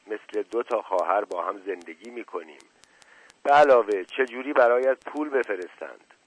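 A man's voice: lowish voice, lively intonation, breathy edge, dry recording, voice pushed up, rough recording. Brief: a man doing a worried young mother, dry close sound, for a radio story reading. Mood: pleading. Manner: earnest, pleading. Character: worried young mother pleading with her aunt.

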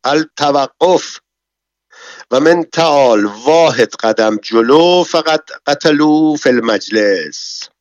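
A man voicing a dazed male bank guard who shouts slow, halting threats in broken Arabic. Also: fairly high pitch, lively intonation, no echo, voice pushed up, close to an everyday voice. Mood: threatening. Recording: dull, dry, lo-fi recording.

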